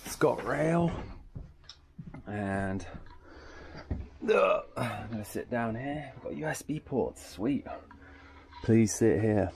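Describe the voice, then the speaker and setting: A man's voice: mid-range voice, animated, slow, creaky, pauses often. A man in his thirties chatting casually to camera while cycle touring, rambling with restarts and small laughs. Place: windy seaside street outdoors. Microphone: action camera close to the face. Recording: loud wind and traffic noise.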